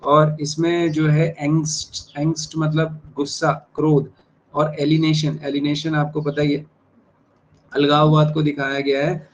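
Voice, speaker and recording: Man tutoring in a flat, level tone. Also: fairly high pitch. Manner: repeats key terms slowly, spells words out letter by letter. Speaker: English exam tutor. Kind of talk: explaining exam answers to students. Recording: dull lo-fi sound with faint noise.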